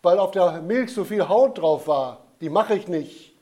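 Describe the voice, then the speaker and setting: A man voicing an eager, excitable young boy in a storybook tale, getting high and loud when upset. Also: a little slow. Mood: distressed.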